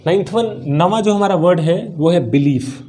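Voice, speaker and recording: Indian accent वाला एक पुरुष अंग्रेज़ी शिक्षक, जो हिंदी में अंग्रेज़ी पढ़ाता है, बार-बार सवाल पूछकर ख़ुद जवाब देता है और मुख्य शब्द दोहराता है।. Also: male voice, high voice, normal speed, mellow. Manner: asks questions and answers them himself, repeats key words. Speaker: English teacher. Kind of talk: spoken English lesson in Hindi.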